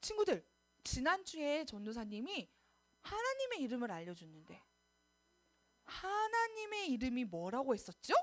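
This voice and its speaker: A woman, a children's pastor, telling a Bible story in a sermon for little children, animated and asking them questions. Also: high voice, moderate pace. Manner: animated, sing-song, asks the children questions.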